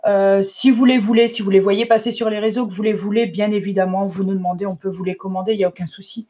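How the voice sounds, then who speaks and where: A woman running a live shop presentation, chatty and enthusiastic, often filling pauses with little interjections. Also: mid-range voice, steady tone, warm tone. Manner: chatty, enthusiastic, fills pauses with "hop" and "euh". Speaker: shop owner presenting new products. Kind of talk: live product demonstration.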